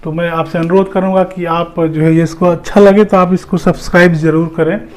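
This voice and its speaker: A man with a fairly high voice gives an exam-prep lecture at a fairly quick pace and with a flat delivery. He explains step by step, repeating points and using frequent fillers.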